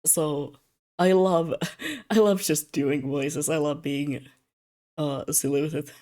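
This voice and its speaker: On a streaming mic, a young adult native Russian speaker draws commissions and talks loosely at a slow pace. The tired voice sits mid-pitch, warm in tone and steady, with a little slurring. Frequent laughs interrupt the meandering, self-mocking chatter.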